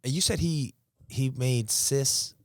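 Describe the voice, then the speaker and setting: An American man co-hosts a podcast, chatting in a laid-back way and swearing freely. His mid-range voice moves slowly, and the studio-quality recording has no room sound.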